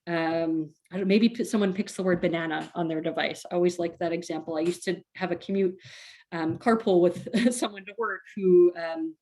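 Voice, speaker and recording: A woman's voice: fairly low pitch, steady tone, moderate pace, warm tone. A woman speech therapist giving a casual, chatty webinar talk to parents, with many fillers and small laughs. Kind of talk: recorded webinar presentation for parents.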